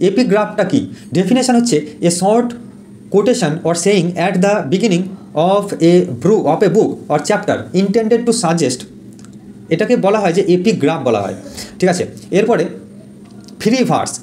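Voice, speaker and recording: A male teacher with a high, mellow voice gives an exam-prep lesson. He explains in Bengali, slows right down to read English definitions, and fills his pauses with "ah" as he corrects himself. A faint hiss runs behind him. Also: expressive. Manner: frequent fillers and self-corrections.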